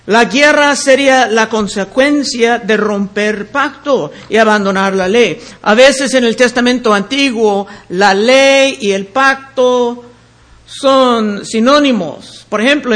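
High-voiced, slow-speaking male Bible teacher. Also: fairly bright tone. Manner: deliberate, reads scripture aloud then explains.

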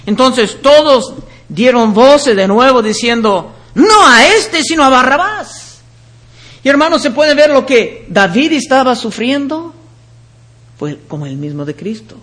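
High-voiced man preaching a sermon. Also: expressive, measured pace. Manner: reads scripture passages aloud, with slips and restarts. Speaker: pastor.

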